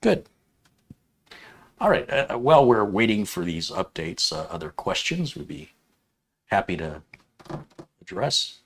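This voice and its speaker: Lower-pitched man co-hosting a casual live stream. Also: sing-song, a little slow, creaky, pauses often, breathy edge. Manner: teasing, dry joking. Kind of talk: casual banter and reading viewer chat aloud.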